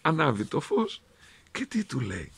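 A priest telling a parable in an animated, heartfelt sermon. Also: male voice, on the high side, creaky, slightly rough, no echo. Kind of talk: storytelling sermon. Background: music.

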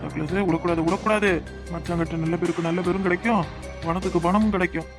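A performer voicing a scheming, greedy young husband in a cartoon, wheedling out loud and plotting in asides, with a southern Tamil accent from Tirunelveli. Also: medium pitch, fast, over music, lightly acted. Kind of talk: cartoon voice acting.

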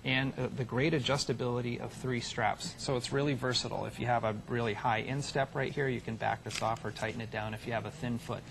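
A middle-aged man demonstrates products on a home shopping show. He explains in a casual, chatty way with a mid-pitched voice. The studio broadcast carries slight background noise. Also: steady tone, fast talker, gravelly, few pauses. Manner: chatty, informal explaining with folksy examples. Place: television studio set.

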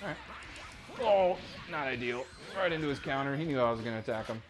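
A man commentating live over his own ranked fighting game matches, excitable and profane, dropping to mutters and then yelping at big moments. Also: medium pitch, fairly quick, crowd noise. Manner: excitable, swings between mutters and sudden yelps; profane trash talk at his opponent. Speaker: gaming streamer. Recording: game music loud behind voice.

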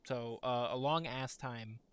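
A man's voice: medium pitch, unhurried, smooth, dry recording. A man hosting a gaming session, chatting casually as he plays. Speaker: gaming host. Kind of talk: casual chat over gameplay. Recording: game music behind the voice.

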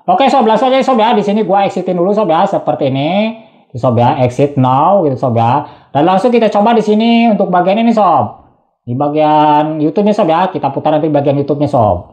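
A man's voice: on the high side, warm tone, dull audio. Chatty man, echoey room. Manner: chatty, slangy, calls viewers "sob" constantly. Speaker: tech tutorial vlogger. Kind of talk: casual screen tutorial narration.

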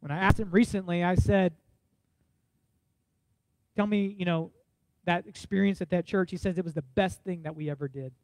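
A male pastor preaching a sermon, rising loud for emphasis and dropping soft and hushed for stories. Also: high-pitched, fairly even intonation, normal speed, long pauses, no room sound, low-quality recording.

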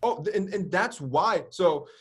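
An early-twenties man, an interview guest on a video call, tells his own story candidly and energetically, sprinkling in lots of "like"s and "right?"s. His voice is high, expressive, and fairly bright with a breathy edge, at a measured pace.

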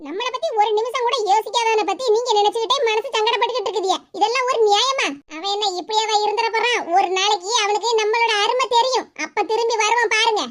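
A woman does cartoon voice acting as an anxious village wife with a Kanyakumari Tamil accent, coaxing her husband through insistent pleading and questions. She talks fast with hardly any pauses, in an extremely high, fairly bright voice, and the recording carries noisy background hiss.

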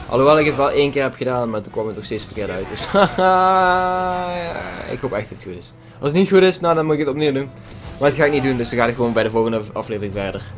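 A man giving casual let's play commentary, chatty and jokey, teasing the game's characters. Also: medium pitch. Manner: jokey, chatty, mocking the game. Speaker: gaming YouTuber.

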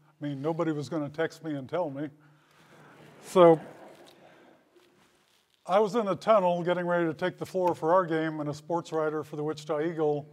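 A man near seventy giving a hall of fame acceptance speech at a podium in a school hall, telling old stories with dry humor. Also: fairly high pitch. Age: 60s. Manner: folksy storytelling with dry humor. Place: school hall with brick walls. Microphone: podium microphone.

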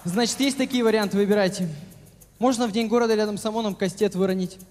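A man playing a brisk statistics clerk in stage comedy, listing things matter-of-factly. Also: sits high, fairly even intonation, darkish tone, close to an everyday voice. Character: brisk male statistics clerk offering options. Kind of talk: live sketch comedy. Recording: echoing hall, music and crowd.

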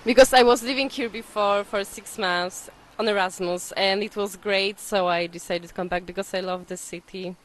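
A woman's voice: medium pitch, steady tone, moderate pace, few pauses, low-quality recording. A young woman from the Basque Country, answering interview questions with enthusiasm on a handheld mic indoors. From Basque Country, Spain. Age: young adult. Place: indoor hostel reception.

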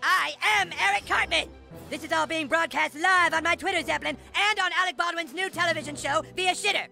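A man's voice: extremely high pitch, brisk, gravelly, bright, forceful tone, faint music behind, exaggerated voice. A man voicing a bratty, scheming, self-important fat boy in a cartoon, with a nasal, whiny, bossy way of talking. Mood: boastful. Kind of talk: cartoon voice acting.

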